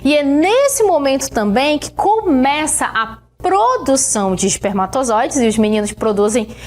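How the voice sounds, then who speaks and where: A woman's voice: high voice, big pitch swings, a little mellow, a little hiss or hum. A woman teacher with a Brazilian Portuguese accent giving a recorded science lesson, explaining step by step and often checking in with her students. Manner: explains slowly, checks in with "né?" and "tá bom?".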